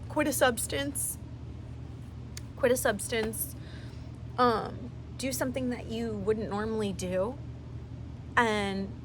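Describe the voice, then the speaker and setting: Over some background noise, a twentysomething podcast host talks slowly in a slightly high, steady voice with long pauses. Her casual pep talk wanders earnestly, leaning heavily on "like" and "you know."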